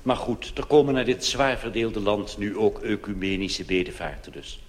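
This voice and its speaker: A man from the Netherlands with a Netherlands Dutch accent, performing a cabaret monologue on a theatre stage with wry, dry storytelling and short deadpan asides. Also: lowish voice, moderate pace, a loud crowd. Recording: live theatre recording with hall reverb and faint hiss.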